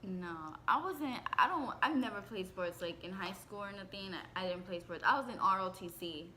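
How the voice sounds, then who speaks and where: A young woman talks in a casual, teasing way and giggles often. Her voice is bright and forceful, and there is faint noise behind her. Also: mid-range voice, moderate pace. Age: young adult. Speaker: vlogger. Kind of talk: casual story time chat.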